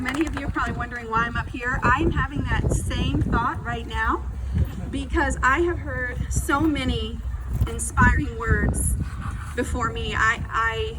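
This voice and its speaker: A middle-aged woman addresses a rally in a high voice. Her delivery is earnest and emphatic, with deliberate, repeated phrases in a semi-improvised speech. The microphone sounds distant, with clear noise around her. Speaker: speaker at a protest rally. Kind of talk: impassioned public speech, partly off the cuff. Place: public rally, speaking to a gathered crowd. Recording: distant mic, noisy outdoor rally sound.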